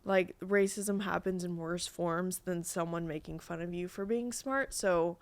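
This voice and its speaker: A young woman speaks in a lowish, unhurried voice with no room sound. Her first language was Vietnamese, and as a podcast guest she chats casually, with plenty of fillers and restarts.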